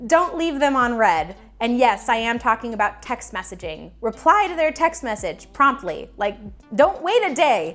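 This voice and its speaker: A young adult woman hosting her own video channel, explaining a topic in a casual, upbeat and emphatic way to camera. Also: a little high. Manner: upbeat, emphatic, playfully repetitive. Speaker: YouTube host.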